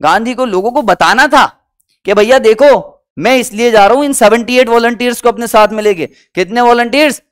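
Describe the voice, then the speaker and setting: With a high, clear and resonant voice, this teacher delivers a lively history lesson mixing Hindi and English. He keeps firing repeated questions at the students, calls them beta, makes them repeat answers and acts out brief quotes.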